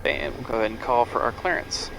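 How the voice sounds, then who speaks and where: A man's voice: medium pitch, steady tone, quick pace, creaky. Matter-of-fact male pilot in a cockpit. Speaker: pilot and presenter. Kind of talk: cockpit checklist commentary. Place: aircraft cockpit. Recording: cockpit audio, faint engine noise.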